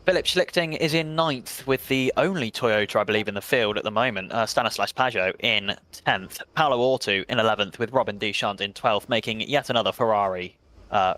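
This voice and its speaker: A man with an English accent giving brisk, chatty play-by-play commentary on a sim race, with self-mocking asides. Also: on the low side, a bit bright. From England.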